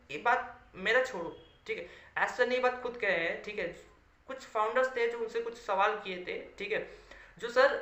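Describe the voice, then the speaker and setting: A man's voice: high-pitched, bright, forceful tone. A man giving a casual motivational talk to fellow network-marketing members, filling nearly every sentence with "okay" and repeating his points for emphasis. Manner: mixes English words into Hindi speech. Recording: echoey room, dull lo-fi sound.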